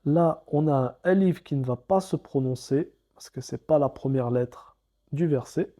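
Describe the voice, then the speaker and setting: Unhurried and mellow, with a slightly high pitch, a man teaches Arabic reading one step at a time. He patiently sounds out every letter and vowel for the learner.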